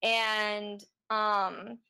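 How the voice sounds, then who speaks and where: A woman's voice: medium pitch, level tone, vocal fry, sharp tone, clear, resonant tone, rough recording. A woman narrating a tabletop game as game master, describing scenes with frequent fillers. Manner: unhurried, descriptive, many fillers.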